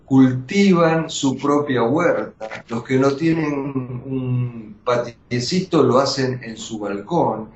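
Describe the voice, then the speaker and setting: Older argentine guy giving interview answers, emphatic, lots of pauses, echoey dull lo-fi audio. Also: a little mellow. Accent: Argentine Spanish. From born in Austria to Russian parents. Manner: emphatic, measured, with frequent pauses and restarts. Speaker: journalist, interview guest. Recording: roomy, dull lo-fi audio with faint rumble.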